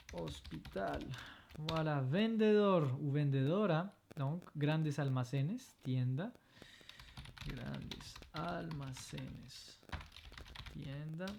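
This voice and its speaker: A man's voice: a little high, creaky, darkish tone, a little hiss or hum. A man teaching a recorded lesson, patiently correcting exercises and repeating each vocabulary word. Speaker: Spanish teacher. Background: keyboard typing and clicks.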